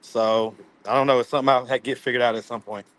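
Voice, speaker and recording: A man's voice: medium pitch, steady tone, quick pace, a bit bright. A man, hosting a casual live stream from his phone, loose and playful, laughing often. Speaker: livestream host. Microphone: phone camera.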